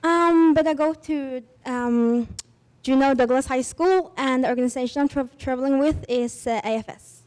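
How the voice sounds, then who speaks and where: A woman's voice: sits high, moderate pace, darkish tone, smooth. A young woman from Norway, politely introducing herself as an exchange student with a few fillers.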